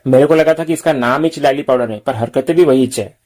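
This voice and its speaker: A man's voice: medium pitch, quick pace, a little mellow, lightly acted. A brash young man full of street slang and jeers, read out by a reviewer in his own voice. The delivery stays close to an everyday speaking voice. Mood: mocking.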